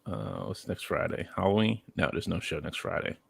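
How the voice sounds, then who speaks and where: A low-voiced man in his thirties chats casually as a podcast host, joking and reading comments aloud. His voice has a gravelly edge, recorded close and dry with no room sound. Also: sing-song, moderate pace, a bit bright, no echo. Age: 30s. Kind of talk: casual chat.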